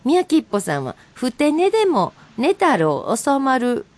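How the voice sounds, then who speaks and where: Woman, Kansai accent, radio host, casual chat, lively pitch, reads poems aloud. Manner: chatty, laughs often, reads poems slowly.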